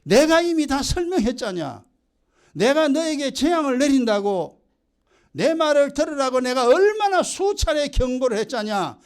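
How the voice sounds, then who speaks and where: A man's voice: very high-pitched, big pitch swings, normal speed, voice pushed up, heavily acted. A man voicing God as a stern, pleading father who scolds people for not listening to him, in a sermon. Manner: scolding, raising his voice.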